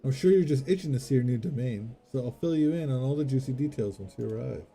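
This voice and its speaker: A man reading a brisk little lady organizer. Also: mid-range voice, expressive, creaky, mellow, breathy edge, faint music behind. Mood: chirpy. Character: small brisk young woman organizer.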